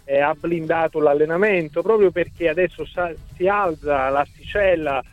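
A man reporting by speakerphone from a moving car, calm and matter-of-fact as a sports correspondent calling in. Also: a little high, moderate pace, dry recording, soft background music. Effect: speakerphone call from a car. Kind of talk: on-site report by phone. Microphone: phone on speaker. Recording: muffled phone line, dry.

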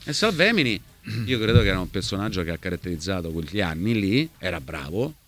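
A man's voice: low-pitched, very animated, quick pace, fairly bright tone. A man talking emphatically on a talk show, repeating words for stress. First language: Italian. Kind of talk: unscripted talk show conversation.

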